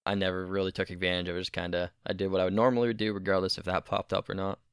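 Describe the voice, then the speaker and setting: A man talks quickly in a low, gravelly voice that still sounds smooth and clear. He co-hosts a casual gaming podcast, rambling and correcting himself as he goes. The mic sound is dry and close. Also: little pitch movement, no room sound. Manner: rambling, self-correcting, laughs often. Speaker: podcast co-host.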